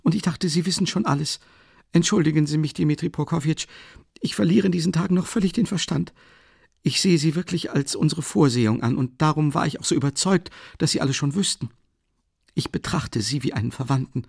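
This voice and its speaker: A man's voice: a little fast, creaky, breathy edge, no echo, studio quality. A man voicing an anxious, timid middle-aged mother in an audiobook, flustered and exclaiming. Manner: flustered, exclaiming, high-pitched fretting. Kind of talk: audiobook character reading.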